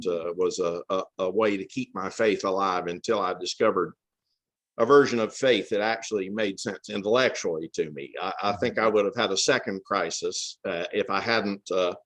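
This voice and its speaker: A man's voice: low-pitched, normal speed, a bit bright. An older man with an Appalachian accent, telling his story in a casual, folksy, self-deprecating way. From Tennessee and Georgia, United States. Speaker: interview guest, author.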